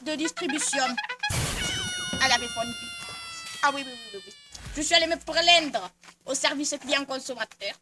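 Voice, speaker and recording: A woman's voice: sits high, recorded from a distance, background noise, lightly acted. A woman playing a muddled, brash traveler in a comedy sketch, rambling on and repeating herself. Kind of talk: amateur comedy sketch acting.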